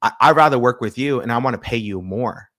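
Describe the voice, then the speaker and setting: A man's voice: mid-range voice, a little fast. Man telling a story animatedly. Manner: animated retelling with quoted dialogue and frequent restarts. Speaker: pastor and publisher, interview guest. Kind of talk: storytelling in a casual interview.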